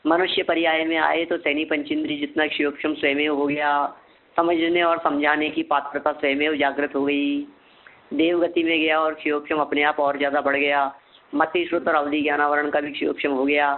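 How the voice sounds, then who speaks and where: A man teaching a scripture lesson, asking and answering his own questions and repeating key terms slowly so they can be memorized. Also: a little high, level tone. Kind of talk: scripture lecture. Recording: phone-like narrow sound.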